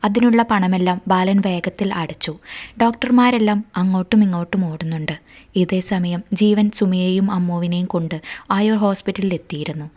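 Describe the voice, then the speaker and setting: Low-voiced woman reading a story. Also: darkish tone, lo-fi sound. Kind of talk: reading a family love story aloud.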